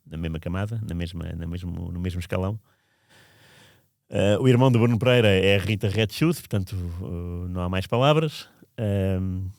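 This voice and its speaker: Speaking in a low, slightly mellow voice, a man shares casual recollections on a podcast. His telling is reflective and meandering, full of restarted sentences, and the audio is studio quality without echo.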